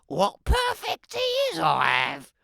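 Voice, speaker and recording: A woman's voice: very high voice, wildly swooping pitch, takes it slowly, creaky, a bit bright, no room sound, studio quality, voice pushed up, full character voice. A woman voicing a vain, prissy little girl in a storybook, boasting and admiring herself in a sing-song manner. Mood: self-admiring.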